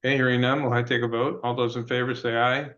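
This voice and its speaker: A man's voice: mid-range voice, flat delivery, quick pace, a bit bright, lo-fi sound. A man chairing a town budget meeting over a conference call line that breaks up, talking with a hesitant manner and many fillers. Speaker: board chair. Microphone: speakerphone on a call.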